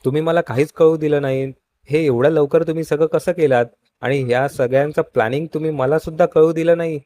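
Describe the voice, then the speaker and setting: A man's voice: fairly high pitch, steady tone, a little fast, mellow, voice pushed up, lightly acted. A man reading a surprised young man.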